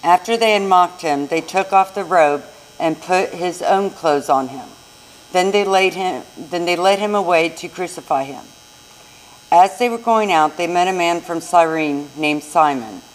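A lowish-voiced American woman reads a scripture narrative aloud in a rough live recording made at a church service.

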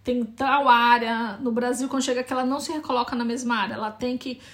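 In her forties, this Brazilian immigrant in Portugal answers questions in a casual interview with a Brazilian Portuguese accent. Her voice sits on the high side, fairly bright and evenly intoned, and she speaks fast, yet she's thoughtful and hesitant, often restarting her phrases.

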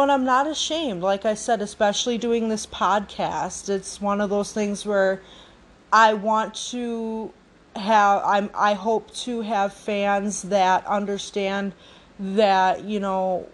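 Podcast host, woman in her late twenties, mid pitch, slow and thoughtful, heavy on fillers. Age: 20s. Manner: slow, reflective, many fillers and restarts. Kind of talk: casual solo podcast talk.

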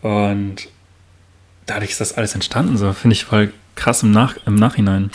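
A young man in casual chat with an old school friend, relaxed and talkative, asking many questions. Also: lowish voice, normal speed.

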